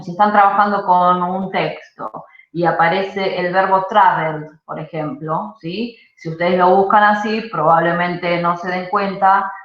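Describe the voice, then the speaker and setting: A woman teaching an English grammar class online, explaining patiently and often checking in with a quick "¿sí?". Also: fairly low pitch. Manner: explanatory, checks understanding with frequent "¿sí?". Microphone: video call. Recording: muffled roomy video-call audio.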